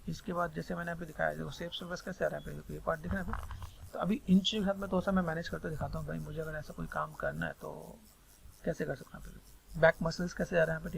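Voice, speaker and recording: A man with a Hindi accent giving a rambling, repetitive screen-recorded software tutorial on 3D sculpting. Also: on the high side, gravelly, breathy edge. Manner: rambling, repeats filler phrases constantly.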